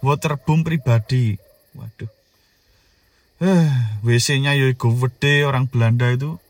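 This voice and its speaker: A man's voice: fairly high pitch, no room sound. A man in his thirties with a Javanese accent, telling a childhood horror story in a casual, jokey way. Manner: animated, jokey, swings between hushed and loud.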